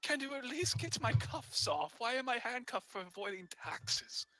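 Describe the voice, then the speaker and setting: A man voicing a gruff, greedy male dwarf prisoner in a tabletop game, blustering and indignant. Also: very high voice, animated, normal speed, sharp tone, pitched above the performer's own voice, exaggerated voice.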